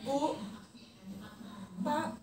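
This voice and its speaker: High-voiced woman, emotional, echoey and distant. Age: 30s. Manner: halting, emotional recounting. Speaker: vlogger. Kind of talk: personal storytelling. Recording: echoey distant mic with noisy ambience.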